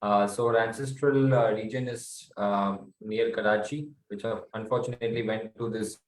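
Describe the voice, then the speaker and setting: A man from South India with an Indian accent, answering interview questions earnestly with many fillers and pauses. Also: lowish voice, steady tone, a little hiss or hum. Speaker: guest author and researcher. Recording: roomy echo.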